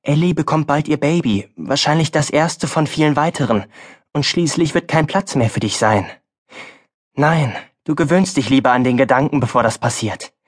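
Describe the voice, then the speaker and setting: A man's voice: a little high, moderate pace, slightly rough. A male audiobook narrator voicing a farm boy's stern, wise mother, speaking firmly and earnestly. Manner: firm, earnest, then softer.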